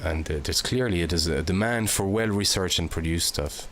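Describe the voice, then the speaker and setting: Low-voiced man in his forties, reflective. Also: moderate pace, a bit bright, a little hiss or hum. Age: 40s. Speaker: podcast host. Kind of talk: casual conversation.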